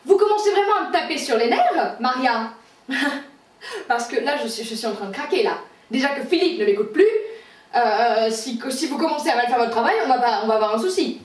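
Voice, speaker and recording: A woman's voice: on the high side, fairly quick, lightly acted. A woman playing a bossy bourgeois lady of the house who scolds her maid imperiously. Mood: haughty scolding. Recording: roomy echo, far from the mic.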